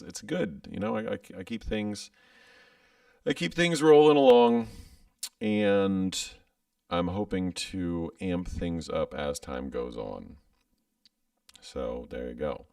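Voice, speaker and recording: A man's voice: sits low, very animated, unhurried, vocal fry, a little mellow, clean tone, dry recording, distant mic. A man in his thirties chatting casually on a livestream, rambling and hesitant with many restarts, speaking into a studio mic at home. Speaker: content creator streaming live. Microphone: studio microphone with headphones.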